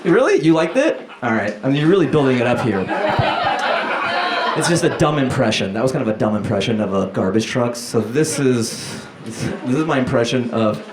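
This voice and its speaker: A man's voice: mid-range voice, sing-song, a little fast. A man doing casual, conversational stand-up comedy, self-deprecating and prone to acting out his lines. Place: live comedy show before an audience. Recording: roomy echo, loud room noise.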